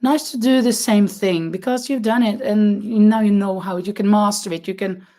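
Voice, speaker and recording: A woman with a mid-range, dark-toned voice and a non-native English accent speaks at a moderate pace while hosting a casual crochet live stream. She chats with viewers in a loose way, laughing often and breaking off to find words.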